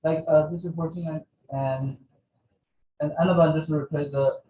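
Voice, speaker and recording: A man's voice: on the high side, fairly even intonation, moderate pace, a little hiss or hum. A man on an online conference call, talking through match logistics hesitantly with many restarts. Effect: heard over an online conference call. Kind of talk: casual logistics chat. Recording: muffled, distant, roomy call audio.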